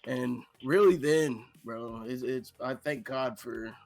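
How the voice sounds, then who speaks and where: A man's voice: mid-range voice, slow, creaky, darkish tone, soft background music. A man chatting casually as a podcast guest, with laid-back slangy talk and some swearing. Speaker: esports team member, podcast guest.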